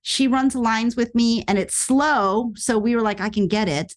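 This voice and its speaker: A middle-aged actress telling a story in a casual interview, acting out quoted lines with sudden jumps in pitch. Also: female voice, normal speed. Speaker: actress and podcast guest.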